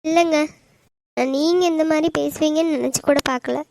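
A woman voicing a gentle, devoted young wife in a cartoon, talking in an earnest, pleading way. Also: sits high, fairly even intonation, brisk, vocal fry. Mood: hurt, pleading. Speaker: voice actor. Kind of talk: animated cartoon dialogue.

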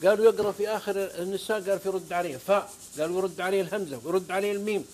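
Man, Saudi accent, religious talk-show guest, high voice, faint background noise. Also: steady tone, rapid-fire, a little mellow. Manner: fervent, swears oaths, quotes scripture. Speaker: guest preacher.

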